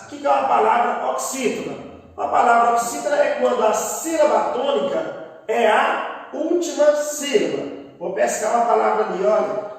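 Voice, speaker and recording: A man teaching a grammar lesson in a lively, encouraging way that often checks in with the listeners. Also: very high voice. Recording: echoey room, distant mic.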